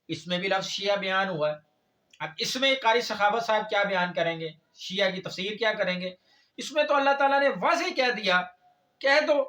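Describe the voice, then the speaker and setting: A man's voice: high voice, pushed and bright, recorded from a distance. A man preaching an Islamic lecture, arguing against another scholar's reading with rhetorical questions and reciting verses. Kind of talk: religious lecture with Quran recitation.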